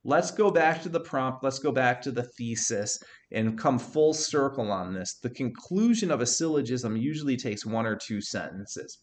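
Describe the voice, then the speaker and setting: A man teaching a writing workshop to students, talking energetically and checking in with frequent "right?" tags. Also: medium pitch.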